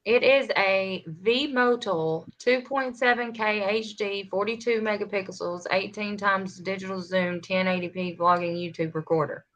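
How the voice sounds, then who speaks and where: A woman hosting a casual live chat, animated and teasing. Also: medium pitch, unhurried, few pauses, slight background noise, low-quality recording. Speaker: live show host.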